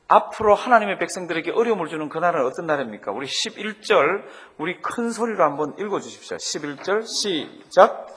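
A man preaches a Bible study in a church hall, his slightly high, husky voice rising and falling with lively animation. Long reverb trails behind every phrase, and he keeps calling the congregation to read aloud with him. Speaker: pastor.

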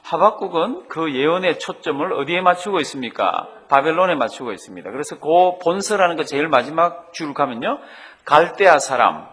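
A man preaches a Bible study in a church hall, his slightly high, husky voice rising and falling with lively animation. Long reverb trails behind every phrase, and he keeps calling the congregation to read aloud with him. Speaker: pastor.

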